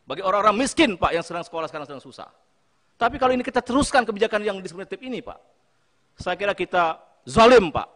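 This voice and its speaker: A man's voice: sits high, very animated, fast, a bit bright. A man chairing a parliamentary committee hearing, pleading emphatically and repeating his address to the minister again and again. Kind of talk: impassioned hearing speech. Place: large parliamentary meeting room. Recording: long reverb in a hearing chamber.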